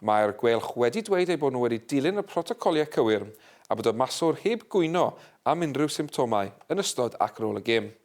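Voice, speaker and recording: A man presenting a local news bulletin in a steady, measured read. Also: medium pitch. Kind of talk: scripted news reading.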